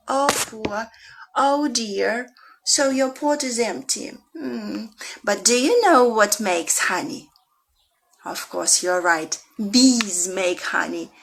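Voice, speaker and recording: A woman with a Russian accent, an English teacher for young children, reading a picture book aloud with big leaps up in pitch and slow, drawn-out questions. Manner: animated storyteller with big swoops up in pitch.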